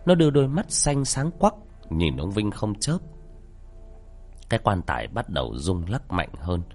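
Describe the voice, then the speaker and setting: A man's voice: fairly low pitch, big pitch swings, moderate pace, darkish tone, faint music behind. A man telling a horror story in a tense, dramatic narrating style.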